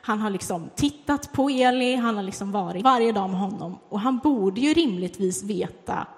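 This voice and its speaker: A woman's voice: medium pitch, animated. A woman preacher giving a conversational devotional talk that retells a Bible story, with fillers and restarts. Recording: echoey hall with long reverb.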